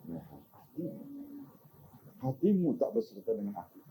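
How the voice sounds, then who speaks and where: An older man giving an informal religious talk, animated and teasing, often asking his listeners questions. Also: lowish voice, normal speed, a little hiss or hum, poor audio. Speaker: religious teacher.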